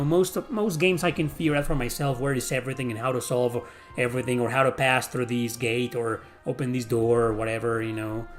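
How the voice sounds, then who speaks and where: A middle-aged YouTube host with a Mexican accent works through viewer questions in a casual Q&A, speaking at a mid pitch. He's blunt, swears freely, and rambles with lots of fillers while faint music plays underneath.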